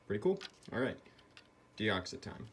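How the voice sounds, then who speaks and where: This man hosts a repair video, explaining a hands-on tutorial one step at a time. He has a lowish, sing-song voice at a moderate pace, recorded against clearly noisy surroundings.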